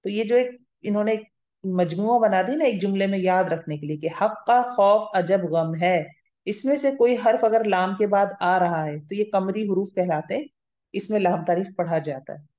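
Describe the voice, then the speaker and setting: Heard through a roomy, somewhat muffled lo-fi recording, a woman teaches grammar to a class. Her medium-pitched voice is warm and mellow, and she patiently walks through each step, regularly checking for understanding.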